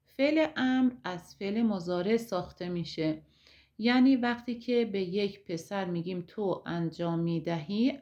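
A woman with a Persian accent, teaching an Arabic grammar lesson slowly and step by step. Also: medium pitch, warm tone, muffled recording. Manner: slow, deliberate, explaining step by step.

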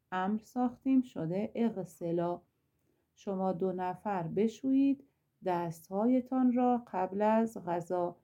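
A woman's voice: medium pitch, highs cut off. A woman teaching a grammar lesson, explaining step by step with drill examples and asking rhetorical questions.

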